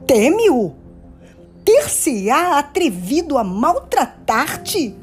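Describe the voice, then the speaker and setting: A woman's voice: sits high, big pitch swings, extremely slow, soft background music, pitched above the performer's own voice, exaggerated voice. A woman playing an impassioned young lover. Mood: indignant. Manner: exclaims with pleading intensity. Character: desperate young man, impassioned and anguished lover.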